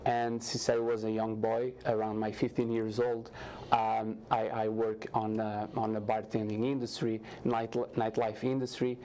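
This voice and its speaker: Guest spot: young Portuguese-accented man, halting, earnest, flat even delivery. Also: on the low side, slight background noise. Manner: halting, many restarts and fillers, earnest. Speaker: guest, startup founder. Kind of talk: TV studio interview.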